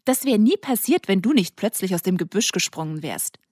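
A woman's voice: mid-range voice, very animated, moderate pace, a little mellow, husky, dry recording, studio quality. A woman voicing a prickly teenage girl who snaps back and stammers when flustered, in an audiobook. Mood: indignant. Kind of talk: audiobook character voice.

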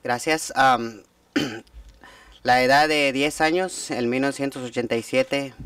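A man in his thirties testifying at a formal hearing, speaking haltingly with frequent restarts. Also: mid-range voice, fairly bright tone, clean tone, no echo, recorded from a distance. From Guatemala. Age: 30s. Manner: halting, many restarts and repeated words. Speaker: witness giving testimony. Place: hearing room.

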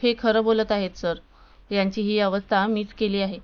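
A woman voicing a bold young college woman who speaks calmly and defiantly. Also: mid-range voice, moderate pace, clean tone, highs cut off, natural voice. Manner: calm, defiant.

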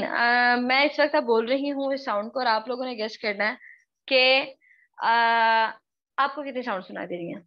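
Brief: woman from Pakistan, English teacher, hoarse and tired, high pitched, keeps asking the class questions, muffled lo-fi sound. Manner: questions students often, repeats herself, slow drawn-out example words. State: hoarse, worn-out voice. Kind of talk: live online class lecture.

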